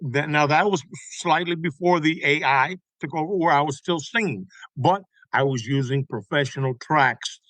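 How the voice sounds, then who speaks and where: A man in his sixties from Tampa, a guest telling stories in an interview, animated and often tagging his points with "okay?". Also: fairly high pitch, moderate pace, hardly any pauses, dry recording, poor audio. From Tampa, Florida. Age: 60s. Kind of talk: conversational interview storytelling.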